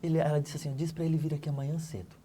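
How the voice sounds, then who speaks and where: A middle-aged man from Santa Catarina, Brazil, giving an interview as a guest and telling a personal story in a lively way, acting out the dialogue and swinging between loud and hushed. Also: on the high side, racing, slight background noise. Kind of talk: animated personal testimony.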